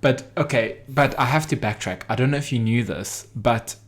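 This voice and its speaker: A man's voice: medium pitch, normal speed. Chatty gossiping man, fillers everywhere. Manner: gossipy, hesitant, many fillers. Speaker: podcast co-host. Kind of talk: casual chat.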